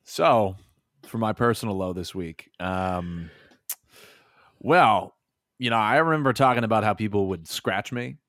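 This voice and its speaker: A man chats casually as a podcast co-host. His pitch moves around a lot as he tells stories with joking, mock-dramatic flair. The sound is dry, with very little room in it. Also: expressive, unhurried, long pauses, a bit bright, dry recording. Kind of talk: casual chat and storytelling.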